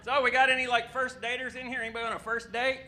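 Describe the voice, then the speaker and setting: A man with a drawl performs stand-up at a club mic, and his voice sits high for a man. He delivers his punchlines flat and deadpan and keeps chatting with the people in front of him. The live recording carries a clear hum of room noise underneath. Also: very fast. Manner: deadpan punchlines, addresses the crowd. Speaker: stand-up comedian. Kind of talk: stand-up comedy set. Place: comedy club stage with a live audience. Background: audience laughter.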